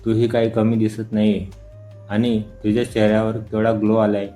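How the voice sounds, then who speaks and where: A man reading the lines of a cheerful young woman in an audio story, in his own plain, even voice. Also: on the low side, normal speed, faint music behind, natural voice.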